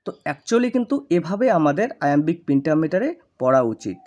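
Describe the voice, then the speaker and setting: Lively teacher explaining a sonnet. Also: medium pitch, highs cut off. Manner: reads English lines slowly and syllable by syllable. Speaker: English teacher. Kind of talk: online literature lesson.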